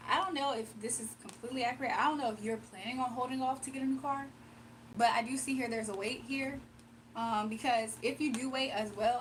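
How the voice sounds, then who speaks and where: On poor audio with a little hiss or hum, a woman hosting a card-reading live stream chats with viewers, reads their comments and laughs often. Her voice is fairly high and bright, though slightly strained as it recovers from near loss.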